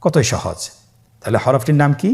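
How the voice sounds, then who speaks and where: In a recorded lesson, a man teaches Quran reading letter by letter, stretching each sound and asking listeners to repeat after him. His mid-range voice has vocal fry and moves at normal speed, and he stays calm and patient, with frequent pious interjections.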